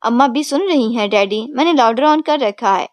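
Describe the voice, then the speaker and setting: A man's voice: extremely high pitch, dry recording, studio quality. A woman voicing a cheeky young man who speaks to his father with sly, mock politeness. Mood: mock-polite.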